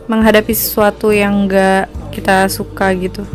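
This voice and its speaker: A young woman co-hosting a casual chat podcast, speaking in a relaxed, thoughtful way with many fillers. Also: medium pitch, moderate pace, over music. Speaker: podcast co-host.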